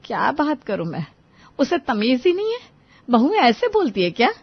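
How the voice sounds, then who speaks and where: A woman's voice: mid-range voice, animated, moderate pace, no room sound, muffled recording, lightly acted. A woman voicing a strict, easily offended middle-aged mother-in-law with a scolding manner. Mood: indignant. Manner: scolding, stern.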